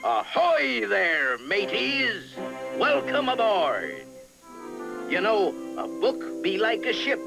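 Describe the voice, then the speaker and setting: An actor playing a gruff, jovial old duck sea captain, narrating grandly in salty sailor dialect for a cartoon. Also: male voice, high-pitched, huge pitch swings, takes it slowly, exaggerated voice, low-quality recording. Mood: hearty, welcoming. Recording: music behind, 1960s television soundtrack.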